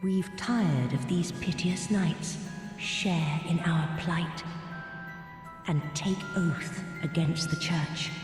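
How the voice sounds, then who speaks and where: Queen Annalise, haughty undead queen. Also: lowish voice. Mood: stately, haughty. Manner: archaic, slow, stately speech. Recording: game audio, long echoing hall with music.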